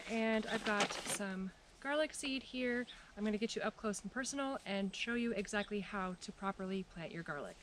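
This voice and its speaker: A woman talking casually as she hosts a gardening how-to, recorded outdoors. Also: mid-range voice. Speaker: host of a gardening tutorial. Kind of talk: casual how-to vlog talk. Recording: faint outdoor background noise.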